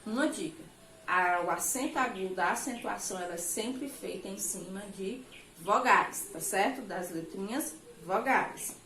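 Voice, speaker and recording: A Brazilian woman teaching a recorded children's lesson. She talks warmly to her pupils and checks their understanding often. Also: medium pitch, expressive, unhurried. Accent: Brazilian Portuguese. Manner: affectionate, checks in with "tá certo?" often. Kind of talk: remote class lesson for children. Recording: echoey room, faint background noise.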